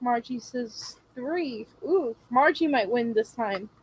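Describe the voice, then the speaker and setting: Female bingo host, nursing home activity style: high, unhurried, chats to each player by name. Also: breathy edge, poor audio. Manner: addresses players by name, reads their comments aloud.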